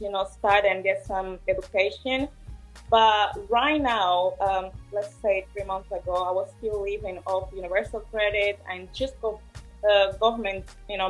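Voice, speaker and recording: A woman's voice: medium pitch, poor audio. Woman, 20s, from Portugal, interview guest, hesitant, faint background music. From Portugal and Angola. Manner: hesitant, many ums and uhs. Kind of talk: casual interview.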